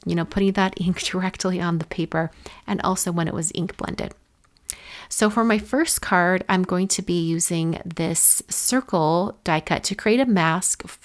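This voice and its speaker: A woman hosting a craft tutorial in a casual instructional voice-over, explaining things step by step. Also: lowish voice. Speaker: host of a card-making tutorial.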